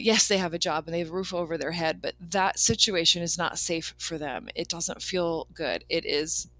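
A woman's voice: lowish voice, fairly bright tone. A woman giving a casual, unscripted self-help talk, saying "like" very often and restarting her sentences as she goes. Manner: says "like" a lot as a filler; rambling, self-interrupting, repeats words and restarts sentences. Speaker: law of attraction speaker.

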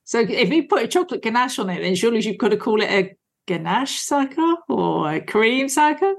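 A woman hosting a podcast interview, asking polite, measured questions. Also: a little high, sing-song, vocal fry. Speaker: podcast host.

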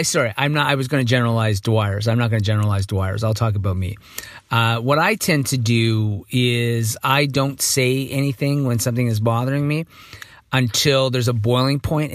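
Casting note: middle-aged male host, chatty and self-correcting, slightly hoarse, dry close sound. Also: medium pitch, no echo. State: morning voice, a bit hoarse. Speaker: podcast host. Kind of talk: casual monologue.

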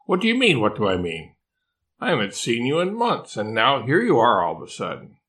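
A man's voice: medium pitch, wildly swooping pitch, fairly quick, a bit bright. An older man voicing a drowsy, confused male koala who pleads in rising questions in a storybook. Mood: insistent bewildered.

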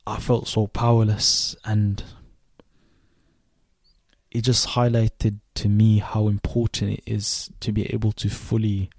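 Calm low-voiced young man reflecting. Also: dry recording. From Sweden. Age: 20s. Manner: thoughtful, unhurried, with frequent fillers and restarts. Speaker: podcast host. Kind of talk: reflective solo podcast monologue.

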